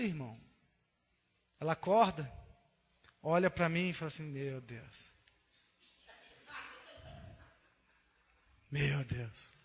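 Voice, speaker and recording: A man preaches with a Brazilian Portuguese accent in a very high, piercingly bright voice. He delivers an animated sermon, slipping into acted-out voices. The recording carries the long echo of a church hall. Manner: animated, acts out quoted voices. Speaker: pastor. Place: church sanctuary.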